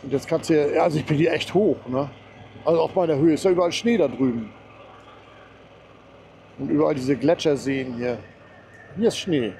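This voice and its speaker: A motorcycle vlogger rides a mountain road, giving viewers a chatty, enthusiastic running commentary through his helmet mic and talking to himself too. His voice is on the high side and warm, at a normal speed with frequent pauses. A little hiss or hum is audible.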